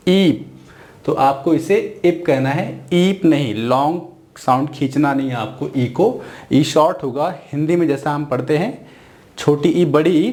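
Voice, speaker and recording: A man's voice: a little high, a little mellow. A man teaching an English phonics lesson at a board, drawing out and repeating each sound. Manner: slow, drawn-out, repeating sounds.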